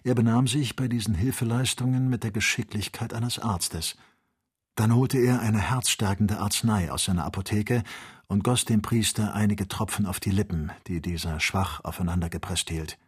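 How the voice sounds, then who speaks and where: A man reading an adventure novel aloud as an audiobook, with measured, expressive storytelling. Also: lowish voice, slightly rough. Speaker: audiobook reader. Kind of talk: scripted audiobook narration.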